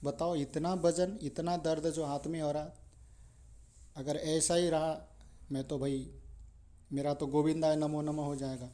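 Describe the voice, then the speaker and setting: Colloquial, warm-voiced male religious storyteller. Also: a little high, a little slow, pauses often. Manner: colloquial, animated, addresses listeners as brother. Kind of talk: devotional storytelling sermon.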